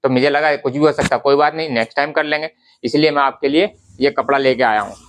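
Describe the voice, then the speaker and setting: A garment business vlogger speaks quickly to the camera in a medium-pitched, slightly bright voice with fairly even intonation, and there's a little hiss or hum. He explains fabric quality casually, repeats himself, and addresses his viewers as brothers.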